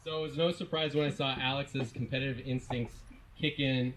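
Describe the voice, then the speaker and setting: A man's voice: mid-range voice, fairly even intonation, fairly quick, noisy background. A man in his early thirties giving an informal, self-deprecating comedic speech as best man at a wedding reception. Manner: self-deprecating, joking, chuckles through his words. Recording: live event with loud crowd laughter.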